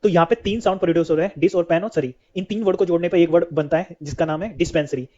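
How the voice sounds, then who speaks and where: A man's voice: a little high, rapid-fire, darkish tone. A man teaching an English lesson, who keeps asking questions and then answers them himself. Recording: dull lo-fi sound.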